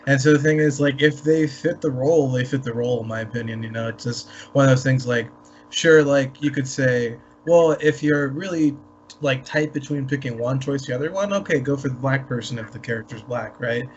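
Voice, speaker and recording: Man, mid-pitched and measured, opinionated in podcast chat; dull recording with light hiss. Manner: measured, opinionated, repeats "you know". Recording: dull lo-fi sound with faint hiss.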